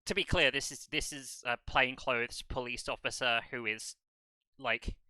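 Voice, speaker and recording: A man running a tabletop role-playing game as game master, narrating in a halting way with many ums. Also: mid-range voice, pushed and bright, clear, resonant tone, no echo.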